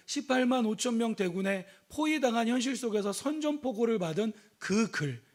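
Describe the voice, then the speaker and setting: In this sermon, a high-voiced man preaches, veering abruptly from loud exhortation to quiet, intimate tones. He questions the congregation and shouts hallelujah.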